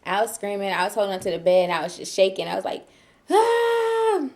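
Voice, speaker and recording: A young woman, telling a story casually and animatedly, laughing often and acting out her own shouting. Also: fairly low pitch, little pitch movement, very fast, gravelly. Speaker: new mother vlogger.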